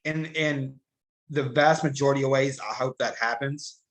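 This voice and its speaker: A man's voice: medium pitch, fairly even intonation, normal speed, fairly bright tone, rough recording. A man co-hosting a casual sports podcast, blunt and brief, mostly agreeing. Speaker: podcast co-host.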